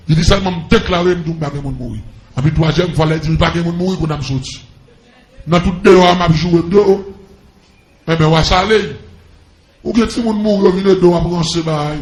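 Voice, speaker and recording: In a reverberant recording, a high-voiced man with a Haitian accent delivers a fervent testimony to his congregation. His preaching is impassioned, full of call-outs to the people before him.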